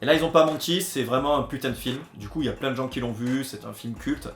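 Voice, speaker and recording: A man's voice: mid-range voice, fast, a bit bright, faint music behind. A man hosting a comedy video, reading out film slogans and mocking them with sarcastic asides. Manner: sarcastic, mock-dramatic, jokey asides. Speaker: host of a comedy video series. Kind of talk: comedic voice-over commentary. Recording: roomy echo.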